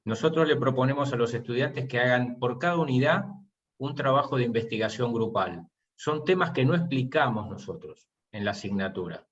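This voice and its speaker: A man's voice: medium pitch, expressive, normal speed. A man, a university teacher, explaining his course methods in an online seminar and posing rhetorical questions. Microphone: video call. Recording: muffled video call audio.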